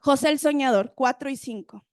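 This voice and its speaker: Woman preaching, high voice, asks the crowd lots of questions, dry close sound. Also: moderate pace, no echo. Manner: animated preaching with Bible readings and questions to the audience. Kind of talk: sermon.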